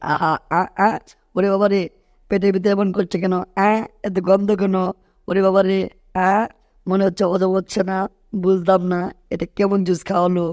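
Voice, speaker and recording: Cartoon dub: a boastful, scheming cat, voiced by a man in a slightly high voice, threatening and groaning, dry close mic. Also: darkish tone, no room sound.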